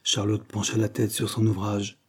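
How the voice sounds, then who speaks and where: A man reading a classic novel aloud as audiobook narrator, in a steady, measured way. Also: fairly low pitch, husky.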